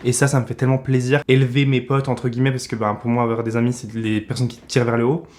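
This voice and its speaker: A man's voice: mid-range voice, level tone, fast, a little mellow. A man in his twenties with a French accent, chatting casually in a beauty vlog and giving blunt product verdicts. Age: 20s. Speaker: beauty vlogger.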